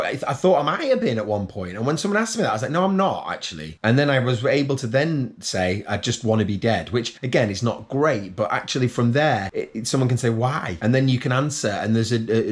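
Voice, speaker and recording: Man, young adult, candid vlog talk, earnest, rambling, wry asides. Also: medium pitch. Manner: earnest, rambling, self-correcting, with wry humour. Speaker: mental health vlogger.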